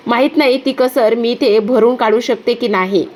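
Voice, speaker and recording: A woman's voice: fairly high pitch, steady tone, normal speed, darkish tone, close to an everyday voice. A woman reading the lines of a devoted mother in a TV serial recap, in a pleading, urgent way.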